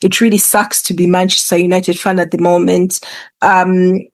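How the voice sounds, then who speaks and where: A woman's voice: on the low side, little pitch movement, moderate pace, no room sound. Woman giving casual, informal football commentary. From England. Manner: informal, conversational, hesitant asides. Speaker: football podcast host.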